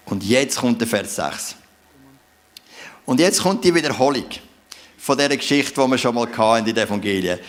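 A man's voice: mid-range voice, lively intonation, normal speed, long pauses. A man with a Swiss German accent preaching a sermon, telling the story conversationally and asking rhetorical questions.

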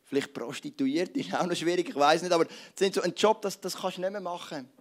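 A man preaching a sermon with a Swiss German accent, conversational and lively, telling stories and asking rhetorical questions. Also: high voice, fast. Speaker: pastor.

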